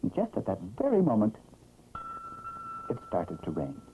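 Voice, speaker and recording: A narrator telling a children's story in an expressive, theatrical vintage 1960s cartoon style. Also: mid-range voice, normal speed. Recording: old tinny, noisy cartoon soundtrack.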